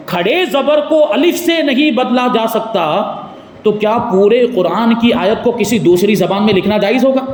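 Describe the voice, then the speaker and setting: A man's voice: high-pitched, a little hiss or hum. A man teaching a religious lecture in a mosque, explaining points and putting rhetorical questions to his listeners. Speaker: mufti teaching Quran commentary. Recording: echoey hall with faint ambience.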